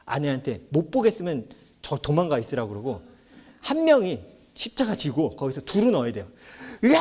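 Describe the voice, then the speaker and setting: A man preaching a sermon as pastor, telling stories with lively acted-out voices of children and parents. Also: fairly high pitch. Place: church sanctuary.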